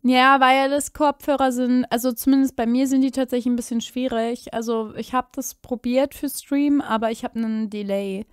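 A woman streamer talks through a live clip reaction with a high, bright-pitched voice. She is chatty and excitable and throws in English exclamations. The sound is dry and close, with no room around it. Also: normal speed, hardly any pauses, smooth, dry recording.

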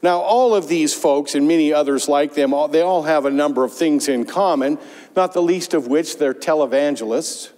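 An older man, a pastor, giving a conversational, animated sermon with rhetorical asides, on a lapel mic in a large church. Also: fairly high pitch, moderate pace. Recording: church sanctuary reverb.

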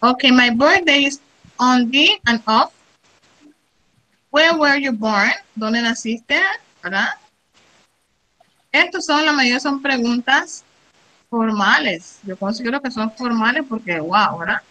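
A middle-aged woman teaching an English class, reading English phrases slowly and explaining them with frequent "right?" check-ins. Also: a little high, pushed and bright, poor audio. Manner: reads English slowly, then explains in Spanish with frequent "¿verdad?". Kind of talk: classroom lesson.

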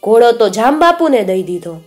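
A woman voicing a gentle, generous elderly village mother who speaks in a soft, homely way. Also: on the high side, big pitch swings, moderate pace, faint music behind. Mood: sorrowful.

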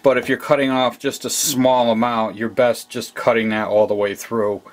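Relaxed man explaining a hobby project. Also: mid-range voice, moderate pace. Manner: relaxed, explains step by step, repeats himself. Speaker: model railroad hobbyist demonstrating. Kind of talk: casual how-to narration while working. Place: hobby room at a model train layout.

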